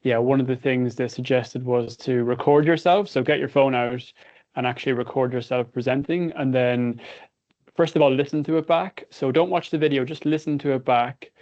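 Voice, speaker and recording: A man's voice: medium pitch, steady tone, normal speed, darkish tone, lo-fi sound. A man with an Irish midlands accent from County Cavan, casually hosting a webinar in a droll, hesitant way. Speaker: webinar host.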